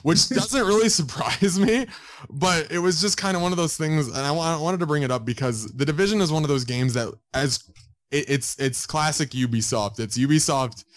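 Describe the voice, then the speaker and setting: A young man co-hosting a casual gaming podcast over a headset. He jokes a lot and restarts his sentences in rushed bursts. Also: fairly high pitch, dry recording. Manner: joking, talks in rushed restarts. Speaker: podcast co-host. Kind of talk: casual chat.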